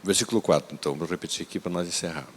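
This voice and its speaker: Emphatic preacher in a reverberant church. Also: male voice, sits low, rapid-fire, a little hiss or hum. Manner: emphatic preaching, swings between raised appeals and soft asides. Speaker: pastor. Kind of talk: church sermon. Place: church service.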